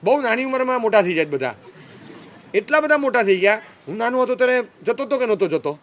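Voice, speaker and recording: Give me a quick-talking man with a high voice, giving a teasing, light-hearted sermon to youngsters. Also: very animated. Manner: playful, teasing, mimics parents and teens. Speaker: speaker addressing young people. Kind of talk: humorous sermon.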